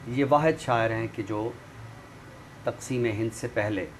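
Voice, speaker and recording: In a formal, unhurried manner, a mid-pitched man appears as a guest expert offering literary commentary. The talk covers a book review, broader literary discussion, and a bit of poetry recitation, all over a noticeably noisy background.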